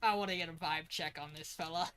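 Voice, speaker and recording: A man's voice: on the high side, fairly even intonation, fast, bright, forceful tone, slight background noise. A man playing a tabletop game, wry and skeptical of what he hears. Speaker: player.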